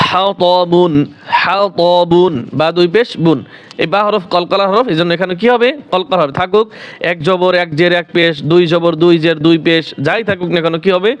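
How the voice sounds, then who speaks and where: A man teaching the rules for reading the Quran, asking questions and answering them himself, and repeating each word slowly. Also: high-pitched. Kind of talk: explaining rules to viewers.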